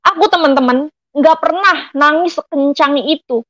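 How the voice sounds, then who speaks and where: High-voiced woman giving earnest testimony. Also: normal speed, fairly bright tone, no echo, low-quality recording. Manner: earnest, emotional storytelling that often addresses listeners as friends. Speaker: testimony speaker. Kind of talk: personal faith testimony.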